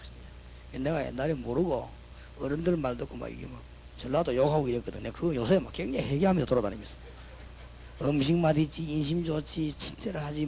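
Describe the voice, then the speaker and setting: A male pastor with a Busan Gyeongsang accent, preaching a sermon and switching between loud proclamations and chatty, joking stories. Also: a little high, gravelly, slight background noise, low-quality recording. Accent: Gyeongsang (Busan) Korean. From Busan, South Korea.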